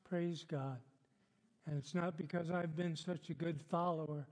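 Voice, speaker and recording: An older man preaches from the pulpit, chatty and easygoing, with frequent fillers and laughs. His voice sits high and his pace is slow and deliberate. Long reverb from the church hall trails behind each phrase. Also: darkish tone. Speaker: pastor. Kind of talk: sermon. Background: congregation responding.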